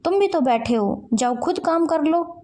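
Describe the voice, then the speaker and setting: A woman's voice: fairly high pitch, unhurried, warm tone. A woman voicing a lazy, irritable young wife who grumbles and waves off her family. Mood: irritated. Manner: grumbling, dismissive.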